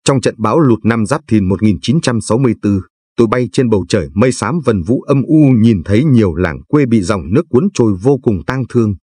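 An older man from Vietnam, a Buddhist lay narrator, reciting scripture and verse in a slow, solemn, chanting way with a husky voice. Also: fairly low pitch, lively intonation, mellow, no echo.

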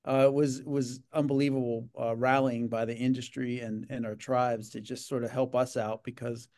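A gaming association leader, middle-aged, rambles through a casual interview over a video-call webcam at his home office, leaning on fillers and repeated words. His voice sits in the mid-range with a darkish tone, delivered flatly at a normal speed.

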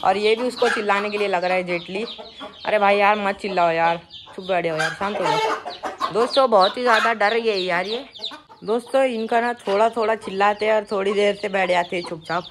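This pet vlogger has a high voice and films a laid-back video beside his poultry pens, with slight background noise and hens and birds clucking. He keeps talking to his audience like friends, breaking off at times to call loudly to the animals, coaxing or scolding them.

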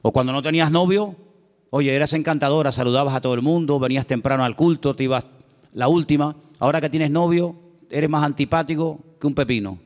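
Canarian pastor, high voice, emphatic, repetitive, long church reverb. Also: male voice, a little fast, darkish tone. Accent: Canarian Spanish. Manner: emphatic, repetitive, humorous asides. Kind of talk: sermon. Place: church sanctuary.

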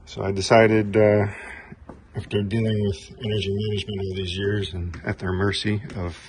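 A middle-aged man talks through a workshop demo in a relaxed, rambling way, full of small fillers. His voice sits low. He is recorded by a camera mic in a garage, with a faint hiss underneath. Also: moderate pace. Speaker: HVAC technician demonstrating a tool. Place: home garage workbench, indoors. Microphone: camera mic, speaker off-frame behind camera.

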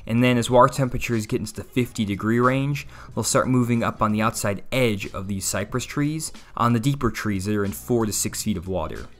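Low-voiced man explaining fishing spots. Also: fairly quick, hardly any pauses. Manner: explanatory, steady walkthrough. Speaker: fishing channel host. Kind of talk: instructional voice-over narration.

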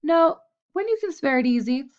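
A woman's voice: high voice, lively intonation, moderate pace, a little mellow, voice pushed up. A woman voicing an eager, friendly young male gym helper, in a lo-fi audiobook recording. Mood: reassuring.

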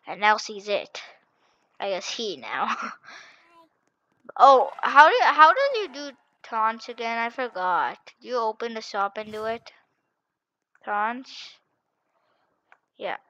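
Young woman yelling and whispering thru a hide and seek game, bright tense voice, kinda dull dry mic. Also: fairly high pitch, very animated, takes it slowly, long pauses, dry recording. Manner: frantic, repeats phrases, drops to whispers when hiding. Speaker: gaming channel host. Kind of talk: excited gameplay commentary.

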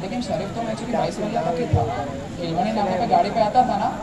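A young man telling an animated stand-up comedy story, acting out his family members. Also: sits high, quick pace. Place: large tented college hall with a seated crowd. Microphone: handheld mic, filmed from far back in the audience. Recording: distant echoey hall with crowd noise. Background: audience laughter and chatter.

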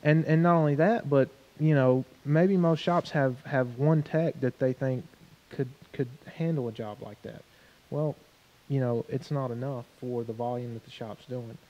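A man on a car-repair panel, speaking in a measured, explanatory way with fillers and restarts, on a handheld mic in a showroom. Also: medium pitch, lo-fi sound. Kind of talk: panel discussion.

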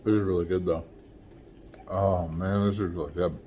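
A food vlogger in his forties reviews a meal in a small room at home with window blinds, his voice mellow and slightly low. He talks at a normal, relaxed pace between bites, chatting easily. A phone camera held at arm's length gives the lo-fi recording a faint hiss.

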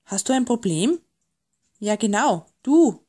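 A woman's voice: fairly high pitch, big pitch swings, slow pace, dark tone, slightly rough, exaggerated voice. A woman voicing a grumpy, confrontational male lionfish in a storybook reading. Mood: aggressive. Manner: snorting and confrontational. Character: grumpy, aggressive male lionfish, spiky temper.

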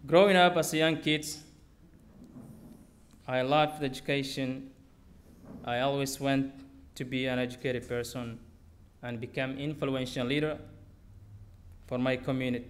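A young man tells his own story on a theater stage, reading steadily from his notes at a lectern. His voice sits at an ordinary middle pitch and comes through a podium microphone. His phrasing is simple and measured. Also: steady tone. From Somalia. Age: young adult. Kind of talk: personal story read aloud on stage.

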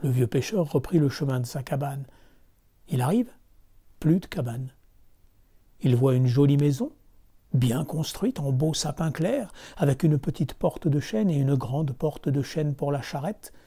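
A man reading a fairy tale aloud as storyteller, calm and measured. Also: on the high side, breathy edge.

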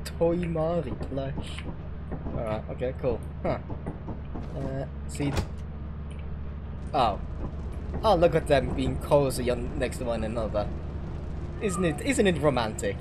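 This is a streamer in the middle of a co-op game, chatting with friends in a loose, profane way and breaking into loud yelps whenever something goes wrong. The pitch sits in a middle range, and the recording has clear background noise under it. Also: animated, takes it slowly, pauses often. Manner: swears a lot, loud outbursts when startled. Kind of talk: casual gaming chat with friends. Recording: noisy game stream audio.

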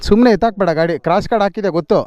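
A man with a high voice leads an off-road ride on a forest dirt trail, recorded on a camera mic as he goes. He talks fast, firing off repeated instructions to fellow riders and laughing often. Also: darkish tone, lo-fi sound. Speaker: motovlogger leading an off-road ride. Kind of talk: casual on-the-spot vlog talk.

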